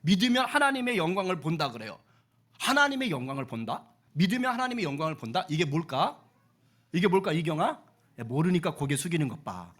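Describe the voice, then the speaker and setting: Playful pastor guy doing a kids sermon, high bright voice, asks the kids stuff and teases em. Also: sing-song, a little fast. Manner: playful, questions and teases the children. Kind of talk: children's sermon.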